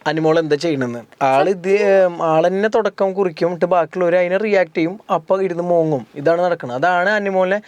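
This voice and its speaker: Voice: mid-range voice, a little fast, hardly any pauses, darkish tone, muffled recording. Podcast co-host, plain mid-range voice, blunt and opinionated. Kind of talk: casual chat about a reality show.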